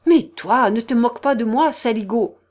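A woman reading an audiobook, voicing a domineering older noblewoman who scolds in shrill outbursts. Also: normal speed, a little mellow, natural voice. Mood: furious. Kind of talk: audiobook character voice.

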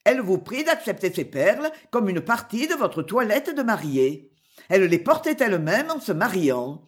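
Reader doing a proud young man, grave, measured, lively pitch, audiobook. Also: natural voice. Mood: tender. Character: proud young male fiancé, scornful. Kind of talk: audiobook character voice.

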